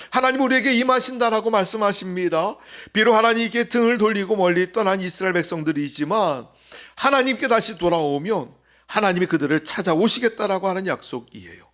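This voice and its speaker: A man, a pastor, preaching a sermon in church, earnest, rising to loud appeals and dropping to near whispers. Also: high voice. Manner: earnest preaching, swells loud then drops to a hush. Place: church sanctuary.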